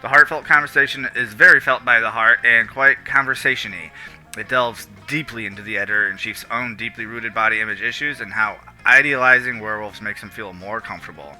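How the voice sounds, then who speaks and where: A man's voice: medium pitch, fairly quick, pushed and bright, soft background music. A young man streaming a text game, reading the story aloud in a playful, joking way and slipping into silly voices.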